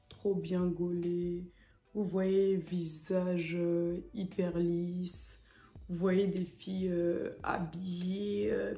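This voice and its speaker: A woman's voice: fairly low pitch, mellow, roomy sound. A young woman from French Guiana talking casually to camera as a vlogger, hesitant with many fillers.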